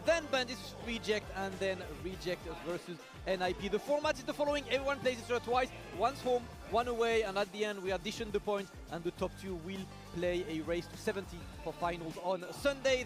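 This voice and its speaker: Male esports host, quick high-pitched gamer-bro talk, casual live desk delivery over music. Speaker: esports commentator and broadcast host. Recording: loud music behind.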